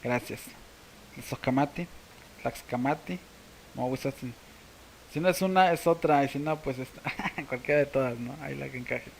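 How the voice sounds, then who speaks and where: A man with a Mexican Spanish accent, teaching a language casually to camera and slowly repeating words for practice. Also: medium pitch, vocal fry, a little hiss or hum, low-quality recording.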